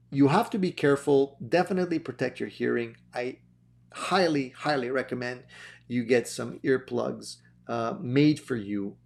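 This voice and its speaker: A man's voice: medium pitch, gravelly, a little mellow. A man hosting a gear video channel, talking casually to camera as he answers viewer questions, easygoing, with frequent fillers and restarts. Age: adult over thirty. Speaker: guitar gear channel host.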